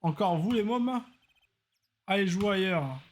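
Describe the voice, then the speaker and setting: A streamer voicing a gruff, bored male police guard from a courtroom game, grumbling slowly. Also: medium pitch, animated, voice pushed up, natural voice. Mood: dismissive.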